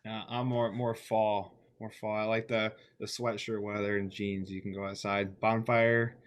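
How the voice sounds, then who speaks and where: Guy co-hosting a podcast, kinda halting, lots of uhs, lowish voice. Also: little pitch movement. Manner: hesitant, halting with fillers. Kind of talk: casual interview chat.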